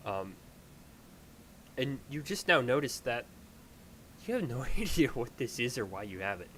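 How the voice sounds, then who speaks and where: A man narrating a tabletop game as game master, improvising halting, descriptive storytelling addressed to the player. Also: medium pitch, sing-song, a bit bright, slight background noise.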